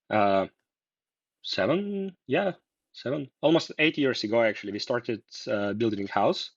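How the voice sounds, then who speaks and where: A man's voice: medium pitch, no echo. A man from Russia, a guest in a casual interview, talking hesitantly with many fillers and restarts. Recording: dull lo-fi sound.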